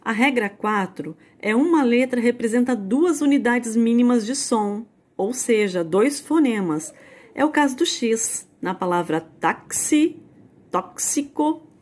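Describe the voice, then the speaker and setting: A woman with a Brazilian Portuguese accent teaching a recorded video lesson, explaining slowly, spelling out sounds and repeating key points. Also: on the high side, animated, a little mellow.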